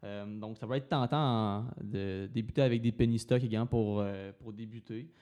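Quebec French male podcast guest, mellow low timbre, halting casual delivery. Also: steady tone. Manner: hesitant, frequent fillers. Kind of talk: casual finance podcast talk.

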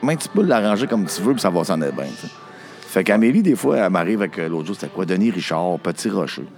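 Male guest, Quebec French accent, gravelly husky low register, casual joking storyteller, light music underneath. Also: very animated, fast, a little mellow. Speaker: guest, singer in a band. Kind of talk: casual chat.

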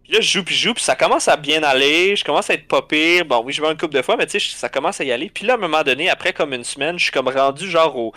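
Bright-voiced Québécois man telling a story. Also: a little high, quick pace, hardly any pauses, no echo. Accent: Québécois French. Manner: animated, swears a lot, acts out scenes. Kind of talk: casual storytelling chat.

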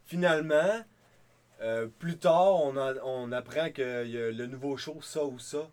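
A man's voice: mid-range voice, a little slow, a little mellow. A man, co-hosting a podcast and reminiscing in casual chat. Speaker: podcast co-host.

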